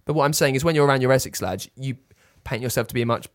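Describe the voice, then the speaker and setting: A man's voice: medium pitch, fast talker, dry recording, clean studio sound. A man co-hosting a podcast, bantering casually in a blunt, teasing, sweary way as he reads things out. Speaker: podcast co-host. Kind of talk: casual banter, reading out and commenting.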